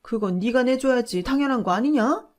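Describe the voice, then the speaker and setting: A bossy older mother-in-law with a booming, scornful voice, put on by a woman narrating a radio drama. She talks down to everyone, loud and raised above the narrator's own pitch. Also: brisk, faint music behind, lightly acted.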